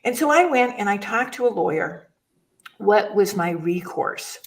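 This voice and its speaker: A woman's voice: mid-range voice, lively intonation, a little slow, recorded from a distance, low-quality recording. An older woman, a guest chaplain, chatting casually and telling rambling stories that she often breaks off and restarts. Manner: storytelling, rambling, self-interrupting. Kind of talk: casual conversation.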